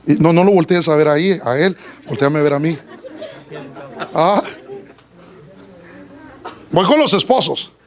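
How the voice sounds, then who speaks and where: High-voiced man preaching a sermon. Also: slight background noise, poor audio. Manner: preaching with questions to the congregation; addresses listeners as brother. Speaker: pastor. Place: church.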